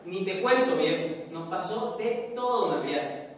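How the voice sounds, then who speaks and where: A man with a Bolivian accent telling a brisk, slangy comic story on stage. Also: sits high, expressive. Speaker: acting student. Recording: echoey hall, far from mic, music behind.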